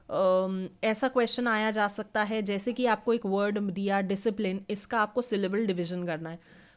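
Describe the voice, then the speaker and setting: A woman with an Indian accent teaching an English phonology lesson, reading definitions slowly and explaining in a mix of Hindi and English. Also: mid-range voice. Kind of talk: online class lesson.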